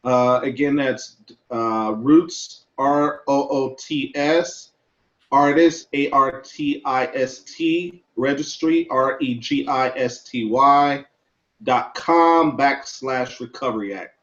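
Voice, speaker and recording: A man who co-curates an exhibition hosts a casual interview, speaking haltingly with many fillers. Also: medium pitch, fairly bright tone. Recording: dull lo-fi audio.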